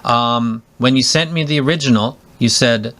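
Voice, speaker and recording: A man's voice: mid-range voice, normal speed, a bit bright. Guy geeking out about headphones, lots of um and uh, keeps restarting. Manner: rambling with frequent restarts and fillers; enthusiastic. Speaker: headphone reviewer. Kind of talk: casual spoken review.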